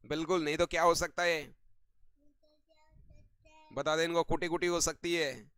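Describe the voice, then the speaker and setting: A man's voice: on the high side, fairly even intonation, a little slow, a bit bright, smooth, dry recording. A man teaching English vocabulary in an online lesson, often repeating stock affirmations and tossing questions to the viewers.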